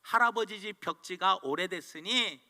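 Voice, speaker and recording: Brief: male preacher as a calm, understanding young mother, soft and drawn out, bright tone, with a long hall echo. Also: high voice, normal speed. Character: gentle, patient young mother. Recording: long church hall reverb.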